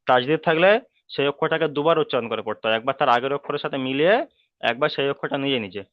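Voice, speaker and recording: A man's voice: mid-range voice, racing, no room sound, highs cut off. A man teaching a Quran reading class online, with a Bengali accent, patiently repeating rules and checking that students follow.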